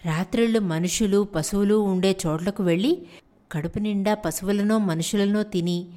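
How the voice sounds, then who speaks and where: A woman voicing a kind talking parrot who is really an enchanted girl, speaking gently and soothingly. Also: mid-range voice, moderate pace, natural voice. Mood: hushed, kindly.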